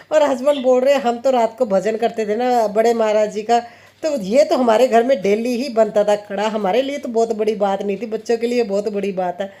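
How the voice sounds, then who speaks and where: A woman's voice: a little high, a little fast, dark tone. A woman in her thirties from India, chatting casually about her family and her kitchen routine as she works, with frequent laughs. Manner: chatty, laughs often, quotes family conversations. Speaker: home vlogger, mother.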